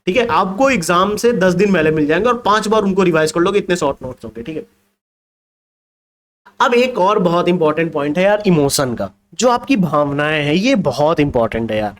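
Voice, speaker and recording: A young man teaching an online exam revision class, lively and teasing, checking often whether the students follow. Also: high voice, a little fast. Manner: lively, teasing, mixes Hindi with English terms, asks students questions. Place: indoors with a laptop.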